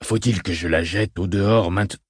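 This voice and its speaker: Scheming baron, older, bulky, fawning and low, storybook part read by a man. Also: steady tone, moderate pace, slightly rough, no echo, studio quality. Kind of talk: audiobook character reading.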